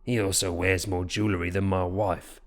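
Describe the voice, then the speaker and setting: A man's voice: low-pitched, little pitch movement, normal speed, pitched below the performer's own voice, natural voice. A man voicing a burly, irritable tavern keeper who growls and mutters his complaints. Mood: grumbling.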